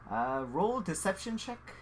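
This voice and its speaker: A woman narrating as the game master of a tabletop session, talking in a halting way with many fillers. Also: fairly low pitch, sing-song, slightly rough.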